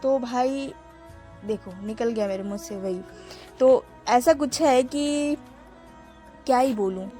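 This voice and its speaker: A young woman narrates her own vlog slowly, pausing often, in a relaxed and chatty tone. She talks straight to her viewers, calling them friends, her somewhat high voice accompanied by faint music.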